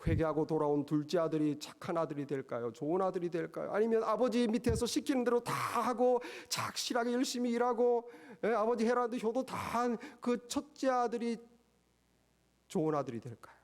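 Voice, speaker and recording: In a fairly quick sermon, a pastor makes his points emphatically and poses question after rhetorical question. His delivery shifts between elevated passages and quiet, low remarks.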